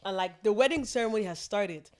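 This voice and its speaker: A young woman talks easily as a podcast co-host in a middle-pitched voice. Her slangy storytelling is relaxed and full of laughter. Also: fast talker. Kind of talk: casual chat.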